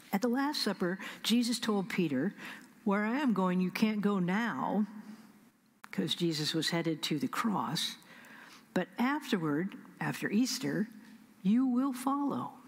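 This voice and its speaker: A middle-aged woman pastor with a Midwestern American accent, preaching a sermon at a pulpit microphone, measured and emphatic, with slow pauses and soft whispered asides. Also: mid-range voice, slightly rough. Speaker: senior pastor. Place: large church sanctuary. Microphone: pulpit stand mic. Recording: long church reverb.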